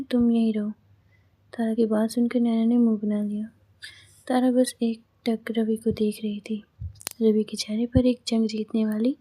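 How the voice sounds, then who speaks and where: A woman narrating a read-aloud story in a plain, even reading with small restarts. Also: on the high side, slightly rough.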